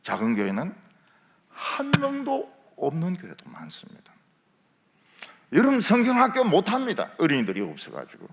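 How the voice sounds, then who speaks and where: Animated preacher with a lilt. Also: male voice, fairly high pitch, normal speed, vocal fry, long pauses. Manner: lively preaching with rhetorical questions and humor. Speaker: pastor. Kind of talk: revival sermon. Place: large church sanctuary. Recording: long church hall reverb.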